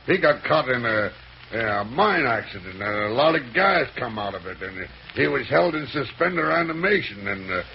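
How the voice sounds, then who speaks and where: A man's voice: medium pitch, sing-song, creaky. An actor playing a dim, reluctant, folksy henchman in an old radio serial, stammering and ungrammatical. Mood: dim, compliant. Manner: slow-witted, stammering, ungrammatical. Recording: muffled, hissy old radio broadcast.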